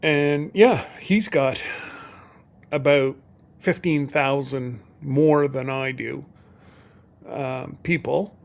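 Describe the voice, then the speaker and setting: Slow, rambling man chatting casually. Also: mid-range voice, gravelly. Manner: rambling, restarts often, slow and folksy. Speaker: co-host. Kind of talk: casual live-stream chat.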